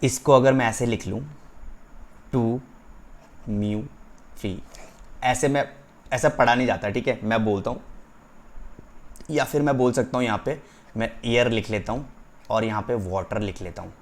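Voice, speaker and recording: A man teaching a physics class, dictating slowly, repeating key terms and checking that students follow. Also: medium pitch. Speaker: physics tutor. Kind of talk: online class lecture.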